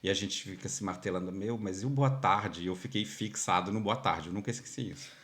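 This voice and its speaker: This low-pitched, brisk speaker is a man from Minas Gerais with a Brazilian Portuguese accent. Appearing as a guest on a podcast, he spins animated stories in casual interview chat, leaning heavily on fillers such as "tipo" and "sabe."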